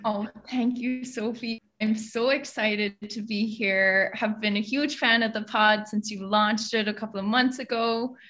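A woman's voice: on the high side, fairly even intonation, a little slow, hardly any pauses, a bit bright. A woman around thirty from Galway with a west of Ireland accent, chatting casually and effusively as an interview guest. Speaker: podcast guest, social media professional.

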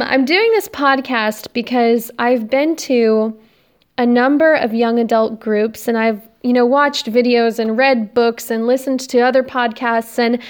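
A woman's voice: on the high side, smooth. A young American woman with a slight lisp from new braces, talking casually and confessionally as a solo podcast host into her phone, rambling and self-deprecating. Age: young adult. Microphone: recording on a phone.

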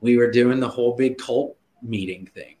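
A man's voice: medium pitch, moderate pace, echoey room, rough recording. A man telling a story in casual podcast talk, laughing often and swearing freely. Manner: laughing, profane, animated storyteller. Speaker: guest.

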